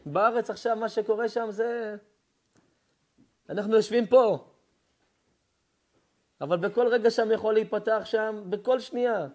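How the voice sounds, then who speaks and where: A man who is a rabbi, giving a Torah lesson as a sermon, telling stories with feeling and swinging between hushed words and loud cries. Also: high-pitched, steady tone, pauses often. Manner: emotional storytelling, swings between hushed and shouting.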